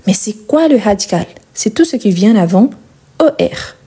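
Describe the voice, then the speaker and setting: Mellow, husky-voiced woman teaching French. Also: mid-range voice, expressive. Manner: explains slowly, stretches and stresses example words, asks "Ok?". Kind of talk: conjugation lesson.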